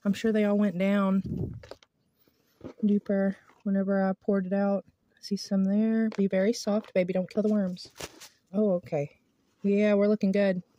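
Flat and dark-toned, her medium-pitched voice moves at a moderate pace with long pauses, and the audio is dull with slight background noise. She's a homestead vlogger in her thirties, informally narrating a how-to on her home porch via a phone held at arm's length.

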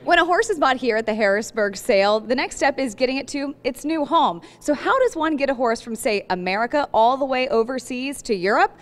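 A woman's voice: high-pitched, lively intonation, brisk, few pauses. A woman reporter presenting a broadcast feature, upbeat and playful as she interviews people.

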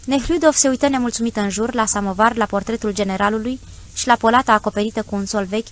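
Woman narrating a classic story. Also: on the high side. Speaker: audiobook narrator. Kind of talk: scripted literary narration.

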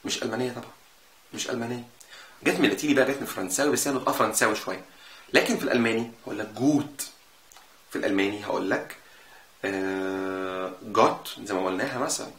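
Fast-talking Egyptian teacher, echoey room. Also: male voice, mid-range voice. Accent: Egyptian Arabic. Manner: lively, repeats sounds slowly to demonstrate. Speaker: German language teacher. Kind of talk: casual explanatory lesson. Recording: echoey room with faint noise.

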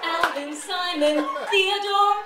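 A woman's voice: extremely high pitch, slow, over a noisy crowd, heavy background noise. Woman, comic spoken word performer, theatrical delivery; distant live recording in a roomy venue with heavy audience laughter. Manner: theatrical, mock-dramatic reading. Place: live venue indoors, an art gallery. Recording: echoey room from far off, loud audience laughter. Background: loud audience laughing.

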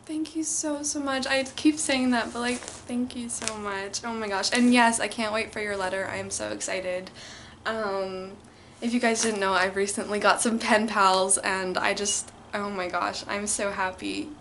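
A woman's voice: medium pitch, steady tone, unhurried, fairly bright tone, a little hiss or hum. A young woman vlogging casually from home, chatty and gushing. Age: young adult. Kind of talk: casual reading vlog chat.

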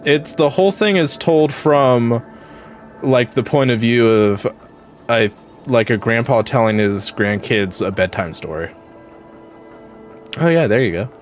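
A man's voice: mid-range voice, animated, unhurried, long pauses, soft background music. A man streaming a video game at home, chatting casually and rambling with lots of "like" and "um". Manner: chatty and rambling, many fillers like "like" and "um". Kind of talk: casual gameplay commentary.

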